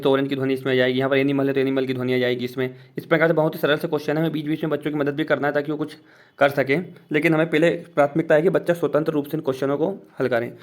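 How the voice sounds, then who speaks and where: Brief: male teacher, rapid step-by-step walkthrough, slightly high voice. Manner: explains step by step, pointing at a sheet. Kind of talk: casual instructional walkthrough.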